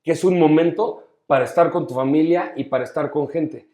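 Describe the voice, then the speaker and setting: Mexican guy cohosting a podcast, playful, slightly high voice, echoey room. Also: fairly quick, mellow. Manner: playful, upbeat. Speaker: podcast co-host. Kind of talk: casual chat.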